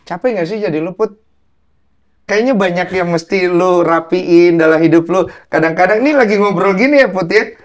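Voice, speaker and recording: A man's voice: high-pitched, normal speed. A man with a Jakarta Indonesian accent hosting a casual podcast interview, playful and teasing with his guest. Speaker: podcast host.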